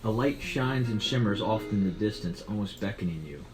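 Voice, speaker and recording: Man narrating a tabletop session, calm, up and down tone, music under it. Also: on the low side, fairly quick, low-quality recording. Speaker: game master. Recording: music playing behind.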